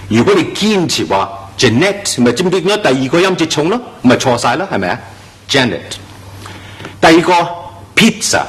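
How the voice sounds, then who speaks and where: In this pronunciation lesson, a man teaching English speaks with lively pitch and strong emphasis. He draws out example words slowly, classroom style.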